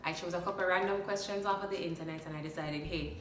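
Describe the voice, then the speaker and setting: Fast and steady, her voice on the low side, a young Jamaican vlogger chats playfully about herself, laughing often and slipping into patois. The small room echoes, the phone camera sits a short distance off yet sounds far away, and there's a little hiss or hum.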